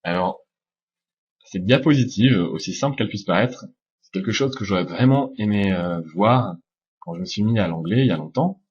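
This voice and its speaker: A man teaching English pronunciation in French, explaining over slides calmly, with frequent hesitations, slowing down to demonstrate sounds. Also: lowish voice, muffled recording. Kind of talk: slide-based lesson narration.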